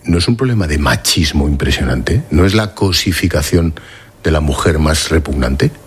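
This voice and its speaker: A man's voice: very deep voice, animated, normal speed, husky. A man interviewing guests with direct, probing questions in a broadcast interview.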